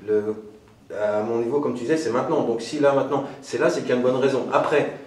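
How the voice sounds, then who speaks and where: A man's voice: medium pitch, fairly even intonation, quick pace, darkish tone. A man in a casual group discussion, thinking aloud in a searching, rambling way. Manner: searching, rambling, self-correcting. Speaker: participant. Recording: echoey room, distant from mic, faint noise.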